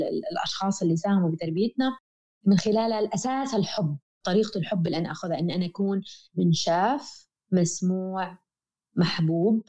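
A woman with a Levantine accent talks quickly as a guest in a reflective interview. Her tone is soft-edged and mellow, and she is earnest and emphatic, circling back to key phrases. The recording is slightly dull and lo-fi. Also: on the low side. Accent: Levantine Arabic. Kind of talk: reflective explanatory conversation.

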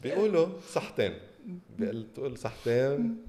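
A man's voice: mid-range voice, sing-song, brisk, warm tone. A man with a Lebanese Arabic accent teasing a friend in casual, jokey conversation.

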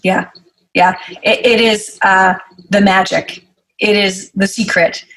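A woman's voice: medium pitch, level tone, takes it slowly, a bit bright, rough recording. A woman guest in an interview, explaining conflict at work in an articulate, conversational way and acting out quoted emails.

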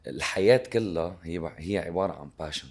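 A man's voice: sits low, fast talker, darkish tone. A man with a Lebanese Arabic accent, answering as an interview guest in conversation and mixing in English words.

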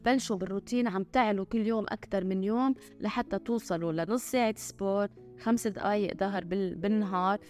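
A woman's voice: medium pitch, fast, a little mellow, soft background music. A woman with a Lebanese Arabic accent hosting a casual health advice podcast, mixing English and French words into her talk. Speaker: podcast host.

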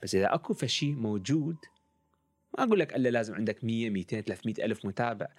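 A man with an Iraqi Arabic accent who mixes English words and phrases into his Arabic, coaching in a casual, conversational way with a slightly husky voice. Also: on the low side, lively intonation, racing, dry recording.

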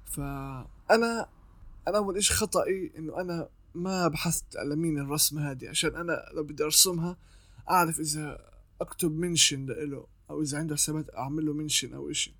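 An artist gives freelancing advice, talking quickly and casually and guiding the listener step by step while often restarting his sentences. His voice is a little high and a bit bright, recorded dry and close with no room sound.

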